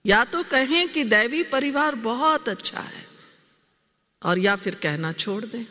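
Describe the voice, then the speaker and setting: Unhurried yet forceful, a woman with a bright, high, expressive voice delivers a spiritual discourse to her congregation. She raises questions for her listeners, only to answer them herself, as her words echo with long reverb through the hall.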